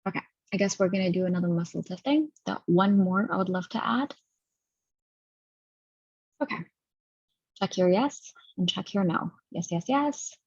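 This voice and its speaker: A woman hosting a guided healing session over a video call, talking haltingly and stopping to gather her thoughts. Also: fairly low pitch, husky, no room sound. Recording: dull lo-fi audio.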